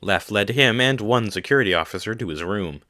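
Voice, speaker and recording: A man narrating a science-fiction audiobook in a steady, measured way. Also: lowish voice, dry recording, studio quality.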